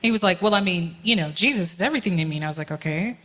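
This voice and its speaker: Expressive low-voiced woman on a panel. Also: rapid-fire, faint music behind. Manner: expressive, quotes others, laughs often. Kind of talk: anecdotal panel talk.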